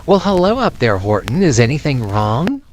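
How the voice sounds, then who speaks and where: A man's voice: medium pitch, big pitch swings, normal speed, slight background noise, close to an everyday voice. A man voicing a friendly, skeptical kangaroo in a storybook tale.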